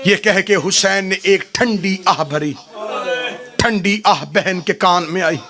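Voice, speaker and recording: A man reciting a mourning elegy at a religious gathering, dramatic and grieving, rising at times to chanted shouts. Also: sits high, takes it slowly, a crowd in the background.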